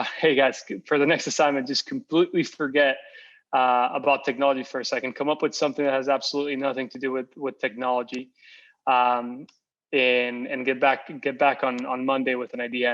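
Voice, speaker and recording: Flat-voiced young man, dull audio. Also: medium pitch. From Costa Rica. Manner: relaxed, repeats words, many fillers. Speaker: founder and guest. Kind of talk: casual interview.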